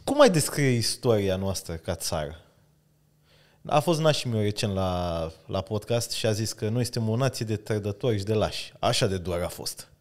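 A man's voice: fairly low pitch, lively intonation. Man hosting a casual podcast. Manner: short prompting questions and agreements. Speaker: podcast host. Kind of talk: casual interview chat.

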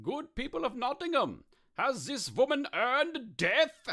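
A man's voice: very high voice, big pitch swings, unhurried, sharp tone, heavily acted. A man voicing a pompous, preachy village priest putting a woman on trial for witchcraft.

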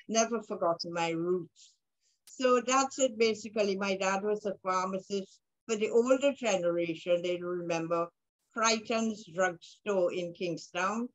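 An older woman in her sixties speaks with a Vincentian accent. Her voice is medium in pitch. She talks conversationally, as a guest telling her own story on a video call. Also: rough recording. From Saint Vincent and the Grenadines. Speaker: guest, poet and author. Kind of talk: conversational autobiographical interview answer. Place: room at home indoors.

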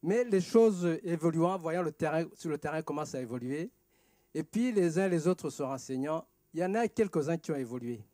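Rwandan guy talking from the audience on a handheld mic, slightly high voice but dark tone, hesitant then emphatic. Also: expressive, fairly quick. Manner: hesitant start, growing emphatic when recounting an argument. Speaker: audience member asking a question. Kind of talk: spontaneous remarks from the floor. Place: large auditorium, seated in audience. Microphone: handheld microphone.

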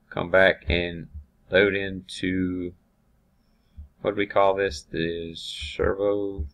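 Low gravelly man talking through software. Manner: thinking aloud, hesitant with ums and restarts. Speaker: automation instructor. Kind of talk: screen-recorded software tutorial.

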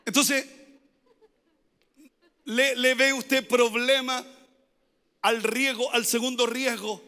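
A man preaching as a pastor, emphatic, repeating his phrases and rising at times to shouted pleas. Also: extremely high pitch, little pitch movement, takes it slowly, long reverb tail, some chatter behind. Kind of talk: sermon.

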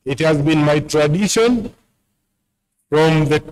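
At a pulpit in a large, bare church hall, a Kenyan-accented man presents books at a camp meeting. He addresses the congregation directly, switching between Swahili and English. His voice is on the high side, slow, smooth, and darkish in tone, and the recording is rough.

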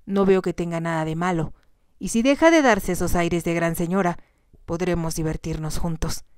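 A woman's voice: fairly low pitch, moderate pace, darkish tone, clear, resonant tone, dry recording, clean studio sound, close to an everyday voice. A woman voicing a pushy man who forces his way into a lady's room and brushes off her pleas. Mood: smug insistent. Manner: insistent, smug.

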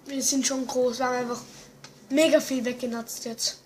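Excitable high-voiced gamer. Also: moderate pace, slight background noise. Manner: excitable, exclaims often, mutters to self. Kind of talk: excited let's-play commentary.

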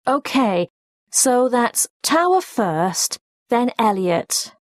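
A woman's voice: on the high side, sing-song, drawn-out words, no room sound, clean studio sound, full character voice. A woman playing a keen university student in a scripted dialogue, politely asking for advice. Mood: keen, inquiring. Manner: polite, inquiring.

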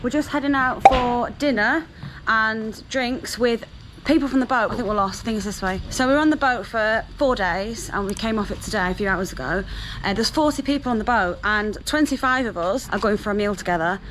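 A woman's voice: a little high, fairly quick, slight background noise, low-quality recording. A woman, chatting upbeat to a camera held at arm's length while out at night. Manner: chatty, upbeat, laughs often. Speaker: travel vlogger. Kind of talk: casual vlog narration to camera. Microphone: handheld camera at arm's length. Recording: loud music behind. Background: party music.

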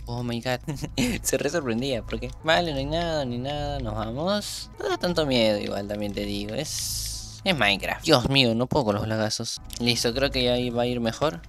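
A young man with a gravelly, creaky voice talks loosely through a horror game, his sentences drifting off and starting over. His R sound does not come out cleanly. Soft music sits faintly behind him. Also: mid-range voice, normal speed. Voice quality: trouble pronouncing the R sound. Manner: chatty, rambling, trails off and restarts. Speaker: gaming YouTuber. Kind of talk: casual horror-game commentary.

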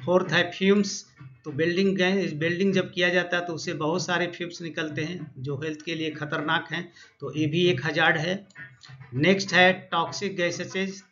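A man teaching a safety lesson over slides, reading each English point slowly and then explaining it in Hindi. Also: on the high side, fairly bright tone. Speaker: safety trainer. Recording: dull lo-fi sound.

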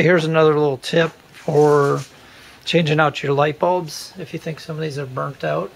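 A man with a fairly high voice and vocal fry narrates a hands-on repair tutorial in a casual, folksy, informal way. He hosts the video from a room at home, filmed on a handheld camera, with a steady hum and room noise in the background.

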